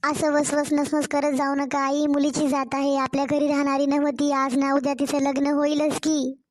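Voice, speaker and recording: Woman voicing a sorrowful young mother, high-pitched. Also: completely flat delivery, normal speed, lightly acted. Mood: pleading. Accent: Marathwada Marathi. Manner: complaining, tearful pleading. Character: young mother, distressed, pleading daughter-in-law. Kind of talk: cartoon story voice acting.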